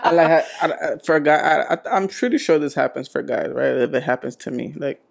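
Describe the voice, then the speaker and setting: A man's voice: fairly high pitch, brisk, vocal fry. A man co-hosting a casual podcast chat, laid-back and joking, who laughs easily and swears freely. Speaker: podcast co-host.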